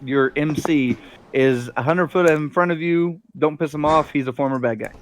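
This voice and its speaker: A man's voice: fairly high pitch, moderate pace. A man narrating a tabletop game as game master, with lots of fillers, over voice chat. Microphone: headset over voice chat.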